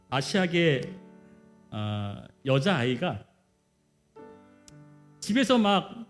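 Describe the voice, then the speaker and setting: A man preaching in a church with a strikingly high voice that swings up and down. He speaks emphatically and keeps throwing questions to the congregation. Soft instrumental music plays faintly behind him. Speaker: pastor. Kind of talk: sermon. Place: church sanctuary.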